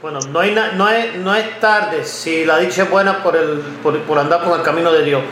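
A fifties-aged man with a fairly high voice hosts an interview, stumbling and restarting his sentences as he tells a story. His voice carries a noticeable room echo, with steady noise behind it. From United States (Ohio). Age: 50s. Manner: halting, repeats words often while telling a story. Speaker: interviewer, blogger and journalist. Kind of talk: conversational interview. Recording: echoey room with background noise.

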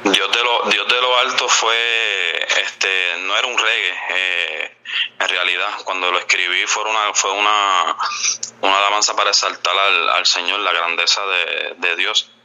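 A man with a very low voice and a strikingly bright, forceful tone talks about his worship songs. His voice sounds smooth and resonant, and he drops in amens and fillers as he talks. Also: steady tone, measured pace, low-quality recording. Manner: devout, answers with amens and filler words. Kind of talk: interview answers.

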